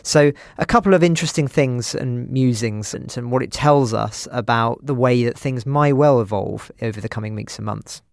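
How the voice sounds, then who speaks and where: A man's voice: medium pitch, moderate pace, creaky, hardly any pauses, no room sound, studio quality. A man speaking as a podcast commentator, reflective and analytical. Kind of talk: podcast discussion.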